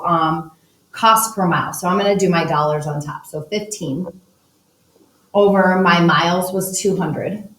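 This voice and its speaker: A woman's voice: fairly low pitch, fairly bright tone. Woman teaching math in an echoey room. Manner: talks through steps while writing and using a calculator. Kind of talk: recorded math lesson. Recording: echoey room, voice a bit distant from the mic.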